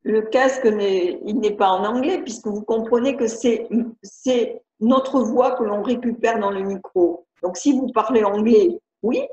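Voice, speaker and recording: A woman with a French accent leads a live webinar as an educator, reading out viewers' questions and answering them in a chatty, hesitant way full of restarts. Her voice is a little high, unhurried and slightly mellow. The computer mic on the video call gives muffled, roomy audio.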